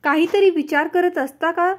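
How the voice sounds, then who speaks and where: A woman's voice: very high-pitched, steady tone, normal speed, a little hiss or hum. A woman doing a wisecracking doctor. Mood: wry. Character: dry, wisecracking adult male doctor.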